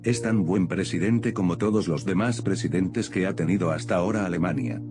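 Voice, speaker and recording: A man with a deep voice reading the lines of an earnest, gentle young woman in an audiobook, soft and patient. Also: brisk. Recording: music playing under the voice.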